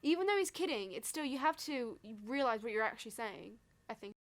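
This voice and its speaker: A woman's voice: a little high, animated, brisk. Young woman, chatty podcast host. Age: young adult. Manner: gossipy, indignant commentary, reads from an article. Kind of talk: casual chat.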